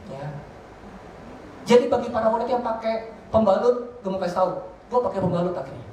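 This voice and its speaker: A man giving a lively, joking sermon testimony as guest preacher in a large church hall. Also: sits high, fairly quick, slight background noise. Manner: animated, joking, slangy. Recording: very echoey hall, voice from far off.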